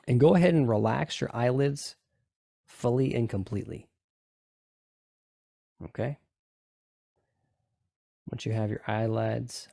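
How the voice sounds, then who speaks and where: A man's voice: medium pitch, gravelly, mellow, no echo, clean studio sound. A man leading a group in guided relaxation, giving coaxing, repetitive instructions and often checking in with short questions. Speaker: group session leader guiding tapping and relaxation.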